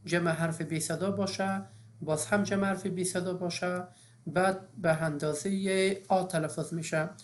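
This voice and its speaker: A woman's voice: mid-range voice, a little mellow. A woman, teaching an English phonics lesson step by step with frequent fillers.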